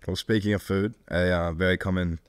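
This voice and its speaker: Young male co-host, low voice, rapid teasing delivery, dry recording. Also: steady tone, clean tone, no room sound. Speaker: podcast co-host. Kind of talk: casual chat.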